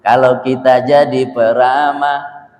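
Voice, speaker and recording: A man's voice: medium pitch, flat delivery, slow pace, a little mellow, roomy sound, in a large hall, poor audio. A man preaching a religious lecture in a conversational way, repeating phrases for emphasis and asking his listeners questions. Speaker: Islamic preacher.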